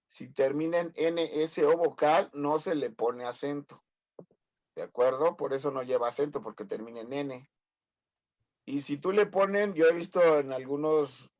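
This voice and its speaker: Teasing Mexican teacher, slightly high voice. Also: male voice, muffled recording. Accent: Mexican Spanish. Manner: teasing, corrects students, asks many quiz questions. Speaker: medical school teacher. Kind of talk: online class lecture.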